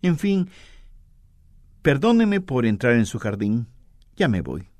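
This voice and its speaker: A man putting on a poor, frightened mother who pleads in a timid, halting way. Her voice swings up and down widely, recorded dry with no room sound. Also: medium pitch, big pitch swings, darkish tone, dry recording. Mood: timid pleading. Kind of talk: storytelling in a sermon.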